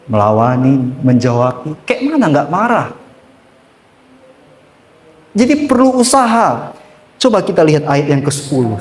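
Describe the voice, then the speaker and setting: A male pastor, preaching emphatically to his congregation, sweeping up and down in pitch and repeating phrases for effect. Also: reverberant. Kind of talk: sermon. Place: church.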